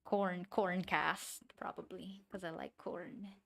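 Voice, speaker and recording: A woman's voice: on the low side, steady tone, takes it slowly, vocal fry, fairly bright tone. A young woman with a non-native English accent, chatting in a rambling, giggly way with her chat as she draws on a livestream. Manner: rambling and giggly, talking to herself as she works. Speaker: streamer. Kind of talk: casual chat while drawing on a livestream.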